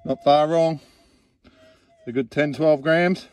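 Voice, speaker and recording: A man's voice: fairly high pitch, steady tone, slow, a little mellow. Laconic man, noisy field recording. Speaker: gold prospector filming finds. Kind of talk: casual field vlog. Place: outdoors at a gold digging site. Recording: clearly noisy outdoor handheld recording.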